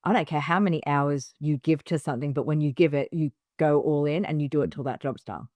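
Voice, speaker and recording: A middle-aged business founder from Hong Kong gives direct, emphatic advice in a casual interview, using frequent fillers and restarts. Her voice sits low with a dark tone and a brisk pace. The recording is studio quality with no echo.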